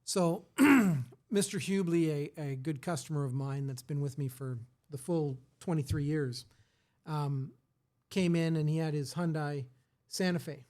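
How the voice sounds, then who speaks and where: A middle-aged man who owns a tire shop, telling an animated story and acting out what his customer said. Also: a little high, a little slow. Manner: animated anecdote teller, acts out customer quotes. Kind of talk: storytelling in casual podcast chat.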